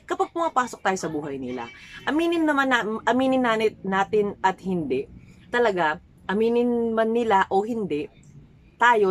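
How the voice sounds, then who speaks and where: A woman from the Philippines, vlogging casually and chatting straight to her viewers with lively swings in her voice. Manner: chatty, addresses viewers as guys, animated pitch swings. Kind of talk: casual vlog talk to viewers.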